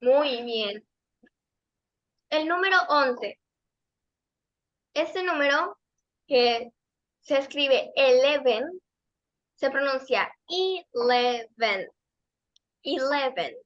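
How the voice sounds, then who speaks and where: A woman's voice: high-pitched, drawn-out words, long pauses, a bit bright, lo-fi sound. A woman English teacher giving a patient pronunciation lesson to kids and teens, explaining step by step and repeating the model words.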